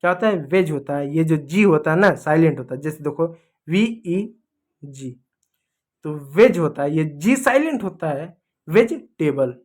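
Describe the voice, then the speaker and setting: A man's voice: a little high, animated, normal speed, darkish tone. A man from India teaching English pronunciation, drilling each word over and over in a teasing, scolding way. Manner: repetitive, drilling words over and over. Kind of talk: classroom lesson.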